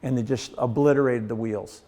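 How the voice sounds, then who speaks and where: A middle-aged man from Canada shows visitors around his collection in an exhibit hall. He speaks at an ordinary pitch and talks in a relaxed, folksy way, spinning stories as he moves from piece to piece. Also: fairly quick. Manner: folksy storyteller, acts out quoted people. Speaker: collector giving a museum tour. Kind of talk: casual guided tour and storytelling. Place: heritage centre exhibit hall.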